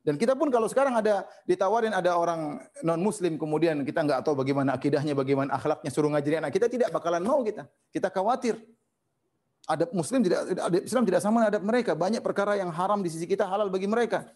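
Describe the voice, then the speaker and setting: A male preacher with a fairly high voice, teaching in an easy, conversational manner. He hammers points home by repeating phrases, and his voice jumps up and drops down a lot. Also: racing. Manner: lively swings between high and low. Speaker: Islamic preacher. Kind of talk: Islamic lecture on parenting.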